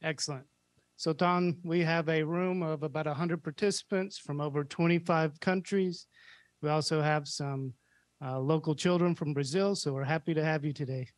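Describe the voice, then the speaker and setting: A man's voice: on the high side, fairly even intonation, normal speed, no echo. A man hosting an event, giving a formal voice check and a welcome. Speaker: event host.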